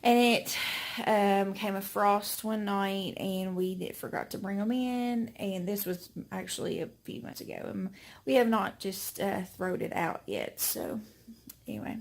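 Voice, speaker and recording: A young woman talks slowly and unhurriedly into her phone at home. She rambles in a friendly way with lots of fillers, slightly out of breath, her voice sitting at an ordinary mid pitch. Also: animated, vocal fry. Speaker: vlogger. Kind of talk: casual chat to camera. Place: home indoors. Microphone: phone camera.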